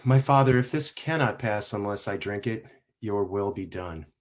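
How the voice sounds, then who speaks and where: A man reading the part of Jesus in a church passion play, solemn and measured. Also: lowish voice, natural voice. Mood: grave. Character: Jesus, grave calm male teacher. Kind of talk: dramatic scripture reading. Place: church sanctuary.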